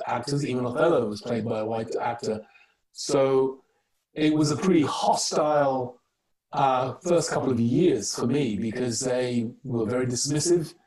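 A middle-aged male actor speaks on a video-call panel from a home room with bookshelves, thoughtful and halting, often restarting his sentences. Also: medium pitch, darkish tone. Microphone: wired earbuds on a video call. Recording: roomy, distant video-call audio.

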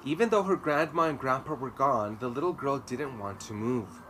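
Seated on an outdoor garden patio, a thirtysomething man reads a children's story aloud with emphatic drama. His tone is fairly bright, his pitch medium and his pace moderate, and ambient noise sounds clearly behind him.

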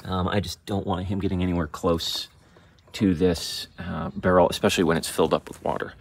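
Deep-voiced guy walking through his homestead water setup, practical and kinda pumped. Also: fairly quick, vocal fry, slightly rough. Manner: practical, thinking aloud, excited about his project. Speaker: homesteading vlogger. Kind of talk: casual on-camera explanation.

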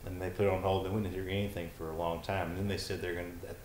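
A man's voice: sits low, very fast, reverberant, noisy background. A man who is a songwriter guest, telling stories casually in an interview, livening up when he quotes people. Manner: animated when quoting others, trailing restarts. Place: back porch studio.

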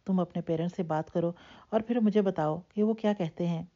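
A woman narrator voicing a young woman who speaks calmly and firmly to her family, on a dull lo-fi recording. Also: lowish voice, close to an everyday voice. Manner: calm, firm, then helpless.

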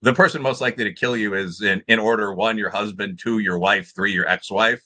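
A middle-aged man joins a panel discussion by video call from an indoor room with bookshelves, arguing off the cuff in an academic, discursive and emphatic manner. He talks a little fast, with a low-side voice, fairly even intonation and a sharp tone.

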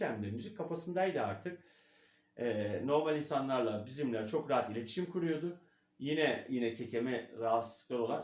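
A man giving a spoken lesson as a speech coach, demonstrative and quick to show examples. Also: mid-range voice. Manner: demonstrative, breaks into imitations. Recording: echoey room.

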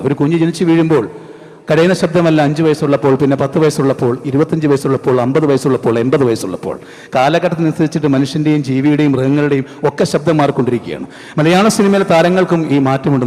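A man performing a mimicry comedy routine on stage, talking to the audience in a conversational way. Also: on the high side. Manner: lively, conversational. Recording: echoey stage hall.

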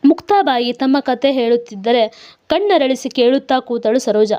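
A woman narrating a written story in a calm, even reading. Her voice is high yet mellow and dark in tone. The recording is dull and lo-fi. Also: moderate pace.

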